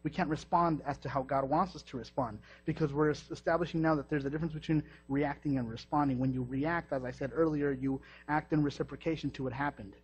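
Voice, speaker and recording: A man preaching a sermon in a lively, joking way, often repeating himself, in a dull lo-fi recording. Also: a little high, fast, few pauses, husky.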